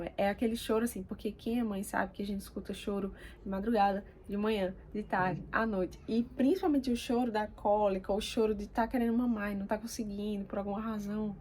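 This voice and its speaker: A woman, speaking gently and hesitantly, with many pauses, as a mother sharing her story. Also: medium pitch, a little hiss or hum. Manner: soft-spoken, hesitant, many pauses and fillers. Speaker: mother vlogger. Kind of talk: casual personal talk to camera. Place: quiet home room.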